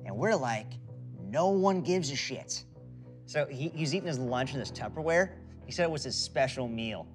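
A man casually telling a deadpan anecdote in a mockumentary interview. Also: mid-range voice, moderate pace, soft background music, natural voice.

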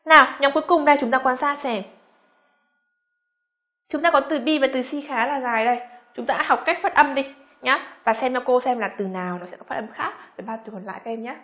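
A fairly high-voiced young woman with a Vietnamese accent leads a pronunciation lesson. She stretches out each example word slowly and keeps checking with her students. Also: bright, forceful tone. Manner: slow, drawn-out modeling of words, quizzing students. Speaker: English pronunciation teacher.

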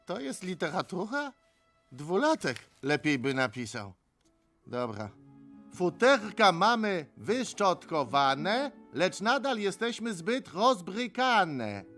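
An actor dubbing a grumpy middle-aged male supervillain in an animated film, speaking in a gruff, exasperated, sarcastic way. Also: high-pitched, takes it slowly, soft background music, full character voice. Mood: grumbling. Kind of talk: animated film dub acting.

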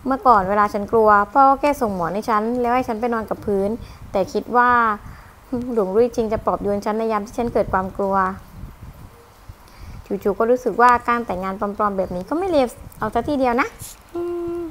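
Brief: higher-voiced woman reading a manga, sassy, expressive heroine voice. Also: a little fast, a little hiss or hum. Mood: soft. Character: young woman, sharp-tongued fake bride. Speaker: manga reader.

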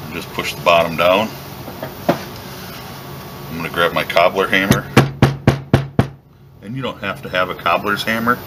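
A man giving a relaxed, step-by-step leatherworking tutorial while he works at a workshop bench, recorded by a camera above the bench. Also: deep voice, noisy background. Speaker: leatherworking instructor. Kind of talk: hands-on craft tutorial.

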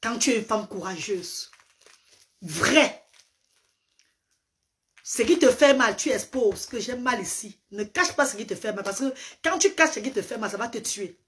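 A woman with a slightly high, fairly bright voice speaks in an animated way, a little slowly and with long pauses. A Medumba speaker, she is a live-stream host and parent advocate giving an impassioned, preacherly social-media address full of emphatic repetitions. She sits on a sofa in a small indoor room, close to a phone camera.

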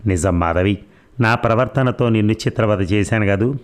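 A teasing young husband full of banter and mock sulks, as a male narrator reads him. His voice sits low and plain, the tone of an audiobook romance. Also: moderate pace, clear, resonant tone, lightly acted. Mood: playful. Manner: playful banter, mock pleading. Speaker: doctor.

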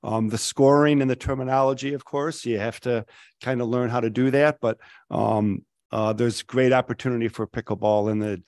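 A man's voice: medium pitch, fairly even intonation, normal speed, a little mellow, no echo. Rambling middle-aged man, dry council mic. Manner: rambling, many ums, enthusiastic. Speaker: city councilor. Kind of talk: council meeting report. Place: city council chamber. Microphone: table microphone.

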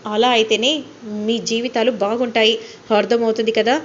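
A woman's voice: fairly high pitch, level tone, fairly quick, lo-fi sound, a little hiss or hum, close to an everyday voice. A woman voicing a scheming, domineering older matriarch who taunts and gives orders. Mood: gloating. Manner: taunting, suspicious and bossy.

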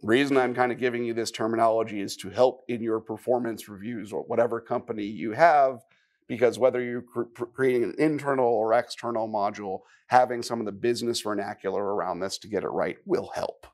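Male tech presenter at a live summit, easygoing and a little sarcastic, average pitch. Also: steady tone, a little fast, a little mellow. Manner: conversational, asks the audience questions, wry asides. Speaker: conference speaker. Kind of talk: live technical conference talk. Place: conference room before a live audience.

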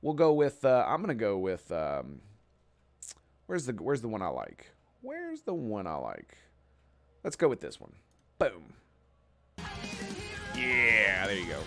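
A man's voice: lowish voice, wildly swooping pitch, takes it slowly, pauses often, a bit bright, soft background music. A man casually commentating his strategy game on a live stream, swearing and groaning at his own mistakes.

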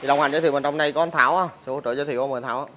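Male channel host, southern Vietnamese accent, mid-pitched, forceful. Informal hard-sell promo delivery that urges buyers on. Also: steady tone, racing, slight background noise.

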